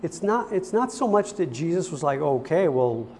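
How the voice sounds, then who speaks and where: Earnest preacher man, slightly high voice. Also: lively intonation, normal speed, slight background noise. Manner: earnest, repeats phrases for emphasis. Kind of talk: sermon.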